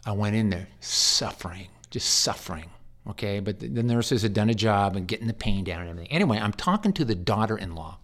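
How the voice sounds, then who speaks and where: Speaking fast with lively intonation, this American man, a hospice chaplain, relates a lengthy story during a faith interview. He is earnest and pastoral, rambling and repeating words along the way, and his fairly low voice carries a fairly bright tone.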